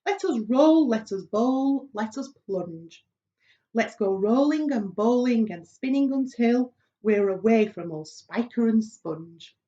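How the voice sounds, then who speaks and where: A woman's voice: on the high side, expressive, slow pace, mellow. A grinning, boastful storybook centipede, acted by a woman reader. He is exuberant and theatrical, with a rollicking delivery on a slightly dull recording. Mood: gleeful, dramatic.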